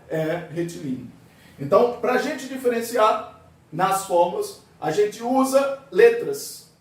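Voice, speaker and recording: A male physics teacher giving a classroom lecture, asking questions and answering them himself, sometimes voicing students' objections. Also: high-pitched. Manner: asks and answers his own questions, voices students' objections. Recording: very echoey room, voice far from mic.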